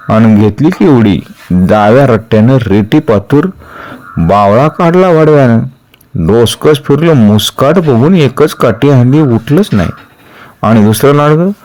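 A man voicing a sturdy, cheerful village blacksmith who speaks in rough rustic dialect. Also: mid-range voice, lively intonation, measured pace, darkish tone, natural voice. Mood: lively.

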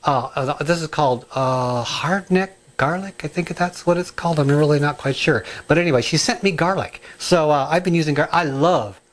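A middle-aged man with a slightly high voice talks to the camera in his home kitchen. He rambles from one aside to the next, excitable and full of ums. The sound comes from a camera mic set a little way off. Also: moderate pace, few pauses. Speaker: home cooking and gardening vlogger. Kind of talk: casual chatty kitchen vlog.

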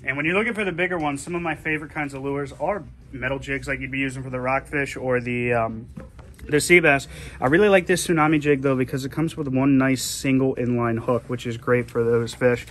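A middle-aged man hosting a casual fishing report inside a tackle shop, chatty and relaxed as he gives tips. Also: medium pitch, fairly quick, slight background noise. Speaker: fishing shop host giving the weekly report. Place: inside a tackle shop, amid glass display cases.

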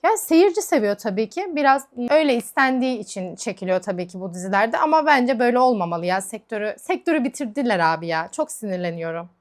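Woman vlogger, casual makeup chat, rapid talk, slightly high voice, heated and frank. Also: animated. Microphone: camera mic.

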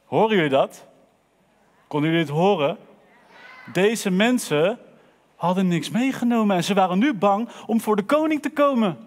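A man's voice: high-pitched, normal speed, pauses often, long reverb tail. A man presenting in a children's church, telling a story and talking directly to the kids. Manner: lively, addresses the children directly.

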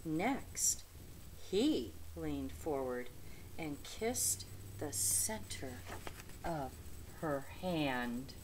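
A middle-aged or older woman reading a children's story aloud in an expressive, deliberate way. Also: sits low, slight background noise, rough recording. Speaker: storybook reader. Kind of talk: children's read-aloud narration. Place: small indoor room with bookshelf.

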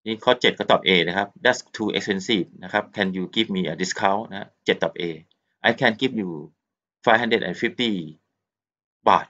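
A man's voice: on the low side, slow pace, sharp tone. A man from Thailand with a Thai accent teaching an English lesson, repeating polite particles and mixing Thai and English explanations. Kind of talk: recorded textbook lesson. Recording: muffled lo-fi recording.

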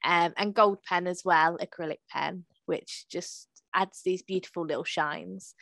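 Slow, reflective woman on a video call. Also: lowish voice, fairly even intonation, gravelly, a bit bright, no room sound. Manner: reflective, rambling, many fillers and laughs. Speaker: podcast co-host and artist. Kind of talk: casual talk about her artwork.

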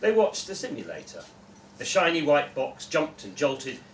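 At a literary festival, a young man reads a short story aloud to a live audience indoors, his voice fairly high with huge pitch swings at normal speed. A distant camera microphone several metres away captures roomy echo and faint noise.

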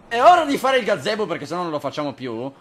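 A young man doing casual game commentary, animated and crude, often shouting and laughing. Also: high-pitched, quick pace, loud music behind the voice. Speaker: gaming video host. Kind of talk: casual Let's Play commentary.

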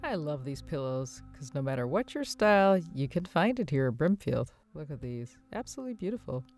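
A woman narrates a casual shopping vlog about antiques and home decor, gushing with enthusiasm. Her low voice swings widely in pitch and moves a little fast, with soft guitar music behind her.

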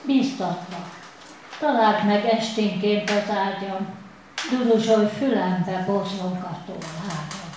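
A woman's voice: mid-range voice, darkish tone. A woman recites a tender, rhythmic poem. Her voice echoes strongly around the room, with faint background noise. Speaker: poetry reader at a literary café. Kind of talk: poetry recitation.

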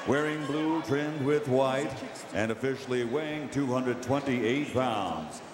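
A man announcing the fighters in a drawn-out, booming ring announcer style in a large arena. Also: music in the background. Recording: echoey arena hall, roaring crowd.

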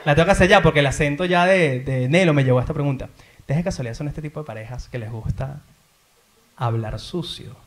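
A man's voice: a little high, fast talker, echoey room. A man with a Venezuelan accent doing playful, teasing crowd work on a theater stage. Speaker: stand-up comedian. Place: theater in Madrid.

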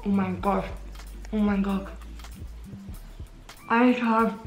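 A woman's voice: mid-range voice, drawn-out words, soft background music. Young woman talking with a full mouth. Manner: excited, gushing, slangy. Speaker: food vlogger. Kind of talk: casual food-tasting vlog. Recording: echoey room, away from the mic.

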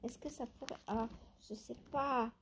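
A woman's voice: on the high side, fairly even intonation, measured pace, a little hiss or hum. A woman chatting casually to viewers as she picks yarns at home, thinking aloud with hesitant fillers and questions, filming on a handheld phone. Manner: hesitant, musing, many fillers and self-questions. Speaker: knitting vlogger. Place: at home among her yarn stash.

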